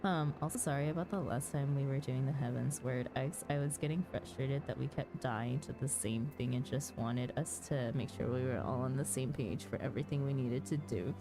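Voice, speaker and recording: With a bass voice, this woman talks a little fast and barely pauses. She's gaming on a livestream, keeping up easygoing chat with viewers over background music.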